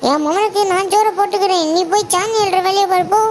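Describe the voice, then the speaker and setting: A woman voicing a shrill scolding old mother-in-law. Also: fairly even intonation, quick pace. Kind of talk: cartoon voice acting. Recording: audible background noise.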